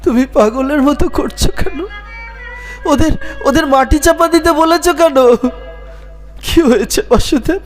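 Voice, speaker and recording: A man voicing a gentle divine male lord who speaks in tender, comforting questions. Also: very high voice, moderate pace, long pauses, faint music behind, pitched above the performer's own voice.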